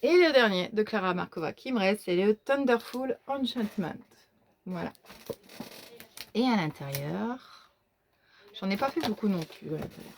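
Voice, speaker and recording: In a relaxed vlog, a woman presents her coloring books, speaking with a regional French accent she describes as folkloric and stumbling through fillers and restarts. Her medium-pitched voice has lively intonation and vocal fry, moving unhurriedly with long pauses, and a slight hiss or hum sits in the background.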